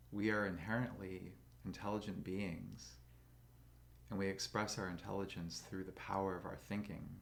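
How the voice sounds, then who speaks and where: A man leading a guided meditation, speaking slowly and gently in a soothing way. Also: low-pitched, gravelly.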